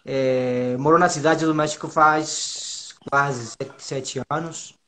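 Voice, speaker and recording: This interview guest, a native Spanish speaker from Monterrey, northern Mexico, has a Mexican accent and a fairly high, fairly bright voice with fairly even intonation. There is slight background noise. In casual, informal chat he sounds nervous, halting and hesitant, often repeating himself and adding slangy tags.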